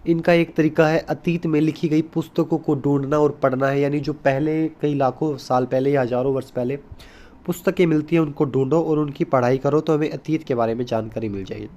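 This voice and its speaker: A man's voice: fairly high pitch, fairly even intonation, brisk, darkish tone. A man teaching a recorded school lesson, explaining step by step, repeating key points and mixing English terms into his Hindi.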